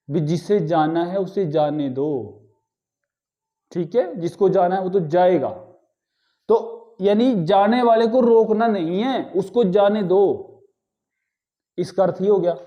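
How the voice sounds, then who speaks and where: A man with a high-pitched voice, heard through dull audio, gives a classroom grammar lecture. He explains step by step and often checks in with his class.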